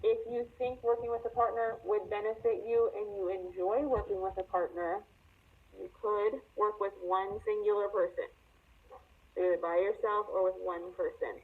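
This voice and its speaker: A woman's voice: medium pitch, steady tone, moderate pace. Emphatic teacher woman over tinny call. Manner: emphatic, repeats warnings. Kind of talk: online class instruction. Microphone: video call audio. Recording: tinny online call audio.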